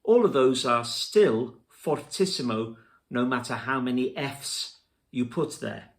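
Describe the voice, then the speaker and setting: A man with a medium-pitched voice teaches music theory in a slow, deliberate lesson narration, spelling out terms letter by letter.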